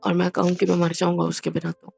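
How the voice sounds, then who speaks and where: A man's voice: high voice, monotone, quick pace, vocal fry, darkish tone, husky, no echo, muffled recording, soft background music, full character voice. A man voicing a young husband in a romantic audio drama, soothing and apologizing with coaxing reassurance. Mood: teasing. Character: young husband, gentle and apologetic after a prank.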